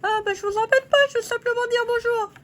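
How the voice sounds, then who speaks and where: A woman voicing squabbling paper-doll ladies in a squeaky, high, bickering voice. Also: steady tone, fast, fairly bright tone. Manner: bickering, teasing, snappy.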